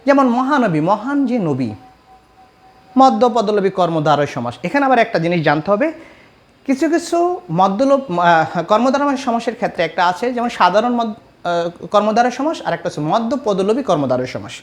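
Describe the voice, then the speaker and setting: A man from Bangladesh giving an exam-prep grammar lesson as a tutor, explaining with examples and often pausing to hesitate. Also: high voice, sing-song.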